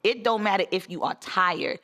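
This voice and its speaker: A woman's voice: mid-range voice, normal speed, pushed and bright. A woman from Guyana, a guest chatting casually on a podcast and telling stories with emphatic repeated phrases. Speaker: guest, event space owner.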